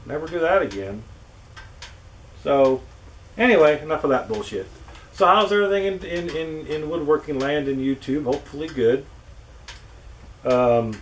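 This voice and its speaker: A man with a slightly high voice talks loosely to camera in his workshop, exasperated and quick to swear. He sits back from the mic, and faint noise hums underneath. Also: a bit bright, recorded from a distance, low-quality recording. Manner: exasperated, ranting, swears casually. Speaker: woodworking channel host. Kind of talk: casual rambling chat to camera. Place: small workshop with wood burner, rain on roof.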